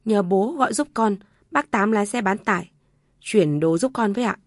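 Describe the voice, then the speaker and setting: Brief: a woman playing a resolute young son, respectful and steady. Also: medium pitch, moderate pace, no room sound, clean studio sound. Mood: firm. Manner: firm, polite.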